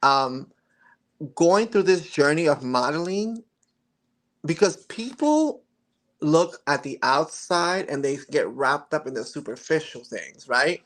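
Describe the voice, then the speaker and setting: The audio is poor, but the voice comes through on the high side, expressive and fairly bright, at a slow pace. It belongs to a model in his forties who, in a casual interview, reflects earnestly on his journey, laughing and restarting now and then.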